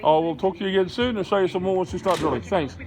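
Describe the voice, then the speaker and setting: Man, fairly high pitch, slightly slurred mumbling, rambling self-deprecating delivery, casual outdoor vlog narration. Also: rapid-fire, creaky, a little mellow, faint music behind, low-quality recording. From Australia. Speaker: builder vlogging his house-raising job. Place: outdoor building site, gravel ground.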